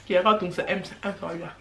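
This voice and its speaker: A woman's voice: lowish voice, background noise. Chatty woman vlogging at home. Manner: chatty, switches languages, murmurs while eating. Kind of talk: casual family vlog, mixing French and Lingala.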